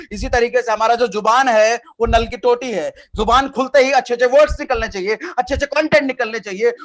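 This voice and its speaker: A man leading a live online training session over a video call, energetic and repetitive, asking viewers to reply in the chat. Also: extremely high pitch. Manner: energetic, repetitive coaching, asks the chat for replies. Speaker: network marketing trainer.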